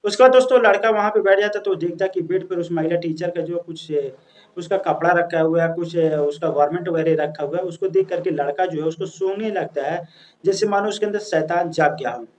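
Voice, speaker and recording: A man's voice: high-pitched, fairly even intonation, brisk, a little mellow. A man narrating a story in a casual, chatty way, addressing his listeners as friends, with frequent restarts and fillers.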